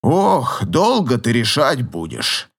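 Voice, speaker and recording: A man voicing a gruff, teasing old professor in an audiobook, grumbling and chuckling in a slow drawl. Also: medium pitch, huge pitch swings, heavily acted. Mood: matchmaking. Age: older.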